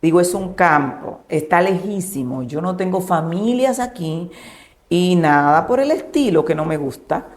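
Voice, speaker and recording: A woman pastor, giving an emotional personal testimony and softly acting out the dialogue she recounts. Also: fairly low pitch, animated, unhurried. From Dominican Republic. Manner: storytelling, acting out quoted dialogue in a hushed voice.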